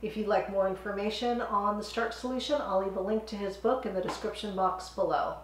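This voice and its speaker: A middle-aged woman who hosts a cooking channel gives a casual, step-by-step demo in her roomy home kitchen, with faint room noise in the background. Her medium-pitched voice is steady and brisk, slightly hoarse from a cold, and her manner is friendly and chatty.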